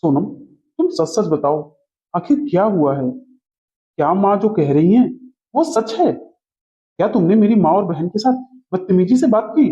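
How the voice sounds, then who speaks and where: A calm, fair-minded husband, as a man plays him in a family comedy skit. His voice is mellow and lively in pitch as he reasons things through. The audio sounds muffled and lo-fi. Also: unhurried, pauses often.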